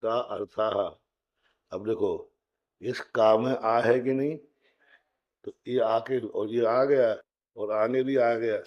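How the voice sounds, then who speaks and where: A man teaching a Sanskrit grammar class, explaining step by step, slowly chanting rules and putting questions to his students. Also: medium pitch, fairly even intonation, dull audio.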